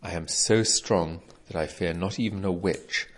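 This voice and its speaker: A man's voice: deep voice, measured pace. A man voicing an earnest young hero of great strength who speaks in archaic, formal words.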